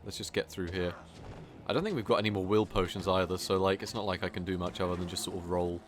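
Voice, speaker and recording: A man's voice: low-pitched, steady tone, fast, slight background noise. A man giving rambling, casual live commentary while playing a video game, often poking fun at himself. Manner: casual, rambling, self-deprecating.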